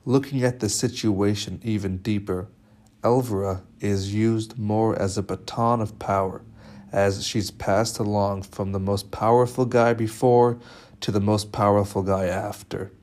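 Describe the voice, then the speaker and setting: A young man presenting a media studies film analysis in a measured, slightly halting way. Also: on the low side, fairly even intonation, darkish tone.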